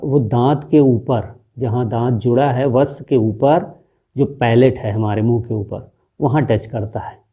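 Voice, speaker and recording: Man slowly sounding out Hindi consonants. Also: medium pitch. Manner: patient, demonstrative, repeating sounds slowly and quizzing the viewer. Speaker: teacher. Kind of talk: Hindi pronunciation lesson. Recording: dull lo-fi recording.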